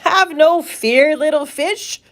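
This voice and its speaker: A woman's voice: high voice, slow, fairly bright tone, voice pushed up, heavily acted. A woman voicing a mischievous, breezy male cat showman in a children's storybook, playful and coaxing. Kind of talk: children's storybook read-aloud.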